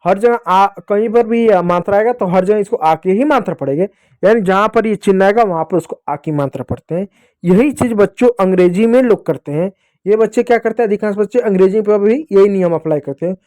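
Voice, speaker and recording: A man's voice: high-pitched, dark tone, no echo, clean studio sound. A young man teaching a phonics lesson to young children, patiently repeating rules and asking and answering his own questions.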